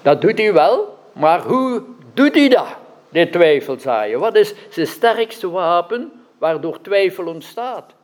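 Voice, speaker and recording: A man delivers an interactive sermon in a high-pitched, sing-song voice at a slow pace. He often questions his listeners and adds frequent "right?" checks to make sure they're following.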